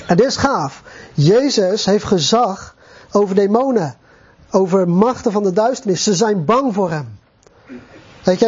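A man preaching a sermon to his congregation in a conversational way, with pauses and fillers, on a dull lo-fi recording. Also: sits high, a little mellow, breathy edge.

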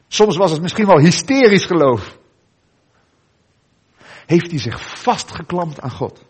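A middle-aged man preaching a sermon in a church, earnest, with dramatic pauses and endings that drop soft. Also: on the high side, husky.

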